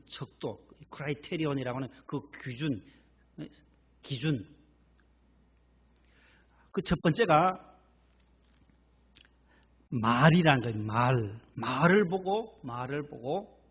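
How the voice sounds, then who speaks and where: A man's voice: mid-range voice, breathy edge, dull audio. A male pastor delivering a church sermon with emphatic preaching, repeating key words for stress. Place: church sanctuary.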